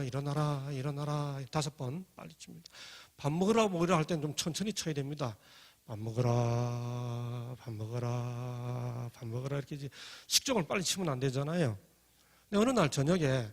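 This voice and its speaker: Middle-aged man, husky and slightly high-voiced, animated storyteller giving a testimony talk. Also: long reverb tail. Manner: lively, acts out quoted voices. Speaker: speaker giving a personal testimony.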